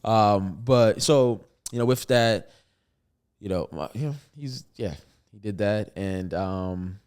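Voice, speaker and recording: A young man, a comedian guest on a podcast, telling joking stories in a loose, animated way that often trails off and restarts. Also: fairly low pitch, slow, clear, resonant tone. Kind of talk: casual storytelling interview.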